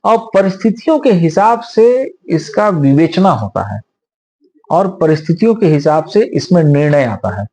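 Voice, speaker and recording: A man who is a senior advocate, explaining law at length in an interview in a measured, lecturing way with homely examples. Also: fairly high pitch, big pitch swings, mellow.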